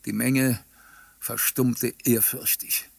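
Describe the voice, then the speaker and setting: A man narrating a humorous audiobook story in a dry, ironic manner with a gravelly voice. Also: mid-range voice, flat delivery, slow, dry recording.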